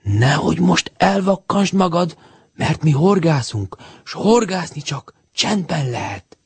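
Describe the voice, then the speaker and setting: A bossy young male animal friend from a children's story, mocking the others in a playful way, as a man reads him. His voice swings up and down with lots of life and has a slight husky edge. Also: fairly high pitch, big pitch swings, no room sound, voice pushed up, exaggerated voice. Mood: hushing.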